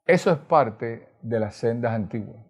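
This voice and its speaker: A man's voice: mid-range voice, animated, measured pace. A man from Colombia with a Colombian Caribbean accent, preaching a sermon as pastor, earnestly retelling scripture with tag questions. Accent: Colombian Caribbean Spanish.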